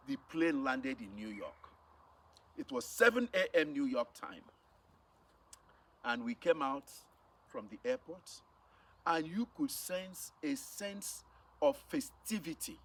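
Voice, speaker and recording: The middle-aged missionary speaks with a Nigerian accent in a slightly high, gravelly, husky voice of fairly bright tone. Storytelling to camera, he delivers his personal testimony emphatically and repeats phrases for effect. A distant mic picks up faint background noise.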